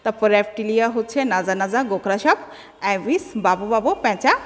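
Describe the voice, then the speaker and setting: A woman teaching a biology lecture, slowly sounding out long scientific names with care for her students. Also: mid-range voice, lively intonation. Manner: slow, careful spelling-out of scientific names. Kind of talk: classroom lecture. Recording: long reverb.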